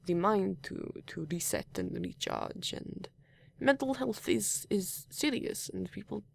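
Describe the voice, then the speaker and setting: A man playing a gravelly, formal, reserved partner. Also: high-pitched, lively intonation, a little slow, no room sound, exaggerated voice. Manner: formal, avoids contractions, hesitant restarts; soft-spoken, at times whispering. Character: reserved, formal, caring male lab-working partner. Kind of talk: comfort roleplay addressed to the listener.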